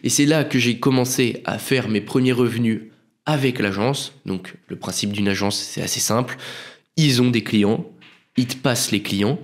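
A man's voice: medium pitch, normal speed. A man in his twenties, a freelance video editor, hosting a solo podcast intro in a chatty, loose, self-mocking way with slang. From France.

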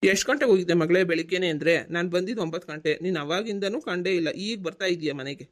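A man's voice: sits high, quick pace, lightly acted. A man voicing an affectionate village father home from the city, coaxing and fatherly. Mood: questioning. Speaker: cartoon voice actor. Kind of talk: cartoon voice acting.

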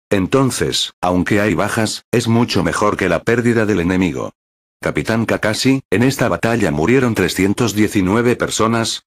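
A man narrating a web novel in a steady, even reading. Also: fairly low pitch.

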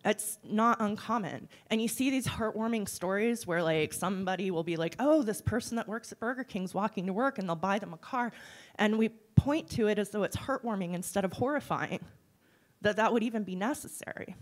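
A middle-aged woman answers audience questions after a keynote. She talks in a blunt, wry, animated way. She speaks into a handheld microphone on stage in a large hall. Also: medium pitch, fairly quick. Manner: blunt, wry, animated, gestures while talking. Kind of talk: keynote Q&A, candid and conversational.

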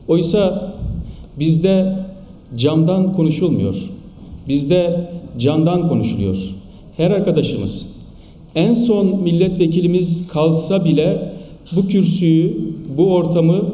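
A politician addresses a party meeting from a podium microphone in a large parliamentary meeting hall, making an emphatic speech that builds through repeated phrases. His voice is high but mellow. The recording is echoey, with long hall reverb and a mic placed some distance away.

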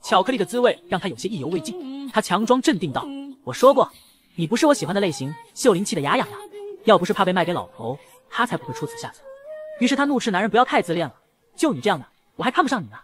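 Guy narrating a comic story super fast, high voice that jumps all over, does all the lines himself. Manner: rapid, lively, voices both lovers in dialogue. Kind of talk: fast scripted story narration with acted dialogue.

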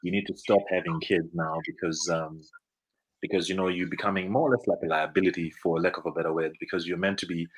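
A man's voice: low voice, fast talker, slightly rough, rough recording. A Zimbabwean man in his thirties with a Zimbabwean accent, a business guest telling stories on a video call, rambling with restarts and fillers. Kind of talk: casual interview storytelling. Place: indoor room, video call. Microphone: video call webcam.

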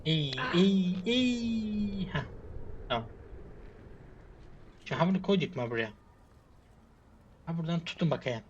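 A gamer commentates his play in exasperation, muttering to himself, swearing at the game and sighing out prayers. His fairly high voice is animated yet unhurried, with frequent pauses. The recording is slightly muffled, with a faint hiss.

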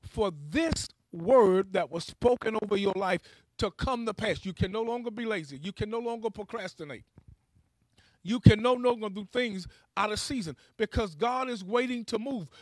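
A man with a high-sitting voice preaches a charismatic sermon at a moderate pace, fervent and emphatic as he exhorts his listeners and repeats key phrases. The recording is rough, with no room sound.

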